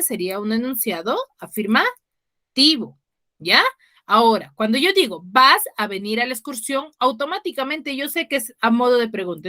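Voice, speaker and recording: A woman's voice: a little high, sharp tone. A woman teacher giving an online class over a video call, explaining patiently and often checking in with her students.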